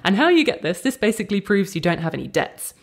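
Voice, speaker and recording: A woman co-hosting a podcast in casual chat, jokey and quick to laugh. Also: medium pitch, big pitch swings. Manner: chatty, jokey, laughs often. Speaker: podcast co-host.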